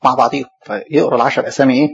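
Gravelly fast-talking Egyptian preacher man. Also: mid-range voice. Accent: Egyptian Arabic. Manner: asks rhetorical questions and answers them himself; spells out and repeats hard names slowly. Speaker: preacher teaching the Bible. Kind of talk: sermon, Bible study lesson. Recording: dull lo-fi recording.

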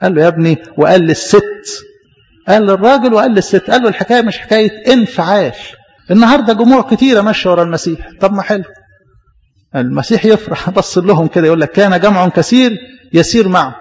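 A high-voiced Egyptian priest preaches quickly and conversationally, retelling scripture scenes as he goes. His voice rings out with a long hall reverb on a dull, muffled recording. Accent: Egyptian Arabic. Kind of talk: sermon.

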